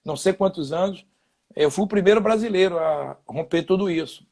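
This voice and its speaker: High-voiced man telling lively stories. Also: fairly quick, creaky. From Brazil. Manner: animated anecdote telling with laughs and quoted dialogue. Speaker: guest, former footballer. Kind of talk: casual interview storytelling.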